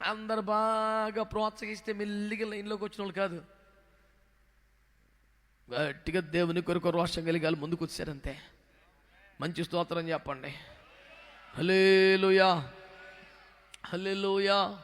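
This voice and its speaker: A man's voice: sits high, level tone, normal speed, long pauses, fairly bright tone, in a large hall. A male pastor preaching a fiery sermon with a Telugu accent, calling out to the congregation for praise.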